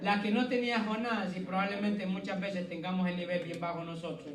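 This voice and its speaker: High-voiced fervent male preacher, echoey hall. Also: fairly even intonation, brisk, far from the mic. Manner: fervent preaching, rhetorical questions, calls listeners "hermano"; swings from loud emphatic peaks to hushed low passages. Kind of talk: sermon. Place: church hall with congregation.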